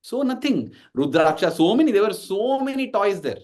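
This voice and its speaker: High-voiced and a little mellow, a man speaks at normal speed with big swings in pitch. He's an invited speaker in his forties with an Indian English accent, giving an emphatic devotional address and acting out his stories' dialogue for the congregation.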